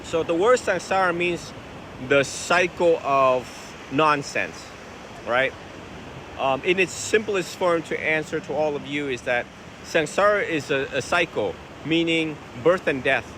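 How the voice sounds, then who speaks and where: A Buddhist monk from Vietnam talks through viewers' questions in a loose, conversational manner, often posing rhetorical questions. His voice sits a little high for a man. He records outdoors on a phone by the ocean, with plain wind and waves in the background. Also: unhurried, pushed and bright. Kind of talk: casual outdoor Q&A talk.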